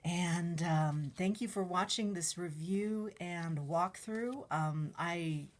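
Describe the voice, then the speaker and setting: A young woman casually reviewing a tarot deck, soft-spoken and a little breathless, often trailing into whispers with many ums. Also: on the low side, takes it slowly.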